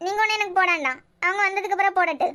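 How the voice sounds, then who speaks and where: A woman's voice: very high-pitched, very fast. A woman with a Kanyakumari Tamil accent voicing a stubborn, sulky young heroine in a cartoon, snapping back defiantly. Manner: sharp, defiant retorts. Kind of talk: cartoon voice acting.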